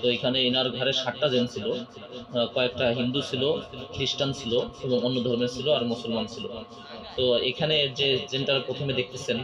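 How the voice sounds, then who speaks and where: A man's voice: medium pitch, little pitch movement, brisk, poor audio. A man working as an exorcist faith healer, speaking in an insistent, confrontational and preaching way. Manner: confrontational, insistent repeated questioning. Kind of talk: loud ritual interrogation and preaching.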